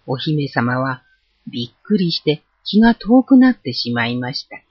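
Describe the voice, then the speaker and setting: A storyteller reading a folk tale aloud with an expressive, varied delivery. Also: medium pitch, normal speed, slightly rough, no room sound. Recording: dull lo-fi recording.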